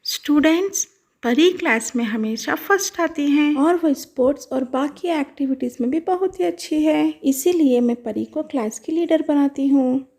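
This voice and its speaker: A woman's voice: sits high, moderate pace, a little mellow. A woman voicing a strict but kind schoolteacher in a doll-show story, giving instructions and scolding students. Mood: instructive. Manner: firm, instructive. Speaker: teacher.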